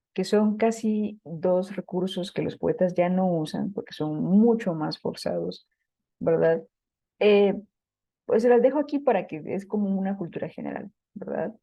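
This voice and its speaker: A woman gives a patient classroom lecture on poetry, often pausing to check that her students follow. Her voice is very dark and mellow and sits at an ordinary pitch. The sound is dry and close, with no room echo. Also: muffled recording. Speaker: Spanish literature teacher.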